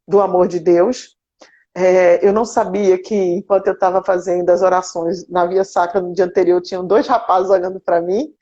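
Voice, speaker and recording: Brazilian woman telling an emotional testimony. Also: on the low side. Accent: Brazilian Portuguese. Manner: animated storytelling, frequent restarts and repeated words. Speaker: guest giving a testimony. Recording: dull lo-fi recording.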